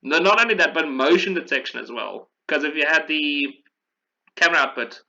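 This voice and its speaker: In a loose conversation on his video game podcast, a man wanders off on tangents and keeps revising what he just said. The recording is muffled, and his slightly high voice comes across animated and fairly quick, with vocal fry and a sharp edge.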